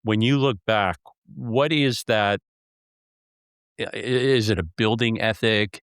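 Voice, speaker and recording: A man with a somewhat low voice hosts an interview, framing his questions with playful jokes and little stories. His voice sounds dry and close. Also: takes it slowly, smooth, dry recording. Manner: playful, joking storyteller. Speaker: podcast host, interviewer. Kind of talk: conversational interview.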